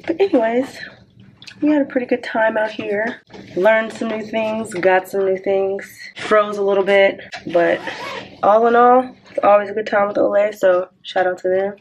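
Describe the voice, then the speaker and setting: A woman's voice: mid-range voice, steady tone, moderate pace, a little hiss or hum. A woman chatting playfully in casual slang as she films a beauty vlog in a hotel room on a camera mic. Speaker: beauty vlogger.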